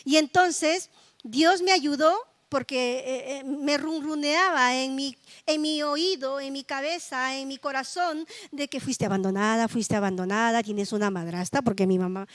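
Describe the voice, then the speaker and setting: A middle-aged woman pastor with a high voice delivers a sermon in a conversational, testimonial way, often tossing in tag questions to her congregation. The sound is dry and close, with little room echo. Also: normal speed.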